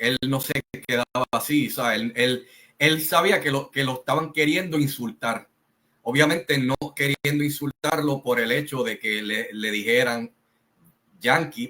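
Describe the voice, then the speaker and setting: A man with a Puerto Rican Spanish accent telling a family story in a slow, rambling way, full of fillers and restarts. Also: medium pitch, pushed and bright, rough recording. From Puerto Rico. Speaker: channel host. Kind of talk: casual storytelling monologue.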